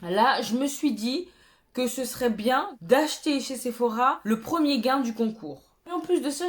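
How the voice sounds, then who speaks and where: Chatty, expressive French-speaking woman vlogger. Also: fairly high pitch. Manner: chatty, expressive, exclamatory asides. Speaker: beauty vlogger. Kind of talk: casual haul chat.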